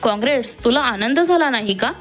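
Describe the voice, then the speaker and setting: A woman's voice: a little high, animated, fairly quick, faint music behind, lightly acted. A woman voicing a shy, hesitant young woman from a poor family in a read-aloud story. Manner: hesitant, soft-spoken. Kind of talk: storybook reading.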